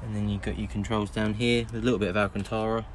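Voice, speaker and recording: Speaking fast in a lowish voice, an Englishman narrates a laid-back tour of a car on a used-car lot before getting in. His talk is plain, relaxed and peppered with recurring fillers. He records on his handheld phone, and background noise comes through clearly.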